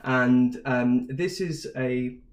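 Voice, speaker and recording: A man's voice: mid-range voice, very slow, roomy sound. A man co-hosting a casual podcast chat, explaining things in a rambling way and laughing easily. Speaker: podcast co-host.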